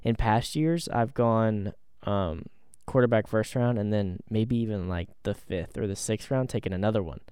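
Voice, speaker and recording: Man, podcast co-host, low smooth voice, easygoing sports chat, dry close sound. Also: moderate pace, few pauses, warm tone, dry recording. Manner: easygoing, hedging with ums and repeats.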